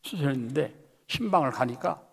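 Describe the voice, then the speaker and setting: A man's voice: mid-range voice, animated, quick pace, vocal fry, husky. A man preaching a Sunday sermon as pastor. He tells a story animatedly and keeps checking in with the congregation. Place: church sanctuary. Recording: long church hall reverb.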